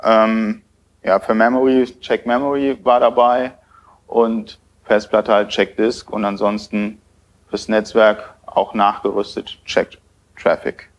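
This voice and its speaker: A man's voice: lowish voice, level tone, slow, lo-fi sound. A man in his thirties giving a technical conference talk at a podium in a lecture hall, speaking hesitantly with many filler sounds.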